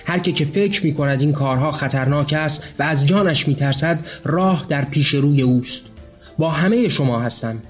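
A man's voice: a little high, lightly acted. A man voicing a pompous, commanding self-styled male leader of a madhouse in a read-aloud story. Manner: commanding, stately.

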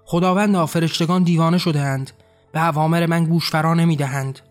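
Guy doing a panicky archangel messenger, rushed and anxious, highish voice. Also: fairly even intonation, soft background music, close to an everyday voice. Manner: hurried, anxious reporting. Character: frantic male archangel messenger.

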